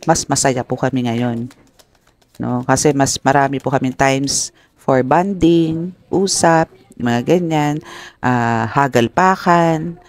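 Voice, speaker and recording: A man giving a tarot reading to his viewers, polite and expressive, mixing English phrases into his speech. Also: mid-range voice. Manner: polite, addresses viewers with respectful terms; expressive, exclamatory. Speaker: tarot reader.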